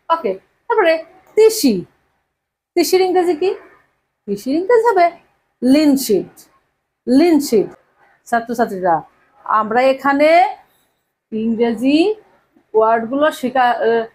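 A woman's voice: high voice, a little mellow. A woman from Bangladesh teaching vocabulary to her students, repeating each word and quizzing them as she goes. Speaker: English teacher. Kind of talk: vocabulary lesson addressing students.

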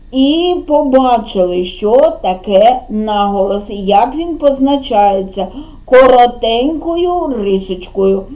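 A woman teaching a preschool class, with a gentle, drawn-out sing-song manner and a Ukrainian accent. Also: a little high, muffled recording. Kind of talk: preschool lesson with children. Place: kindergarten classroom.

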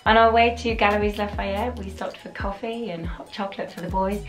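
A woman narrating a fashion try-on haul, her voice hoarse and husky from nearly losing it, gushing with enthusiasm. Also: medium pitch, fairly even intonation, brisk, music in the background. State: hoarse, partly lost voice. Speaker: fashion vlogger.

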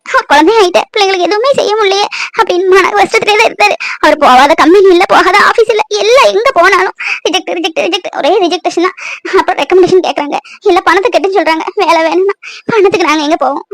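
A woman's voice: very high-pitched, a bit bright, dry recording. A woman voicing a struggling young mother in a cartoon, pleading through sobs, with speech. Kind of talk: cartoon voice acting.

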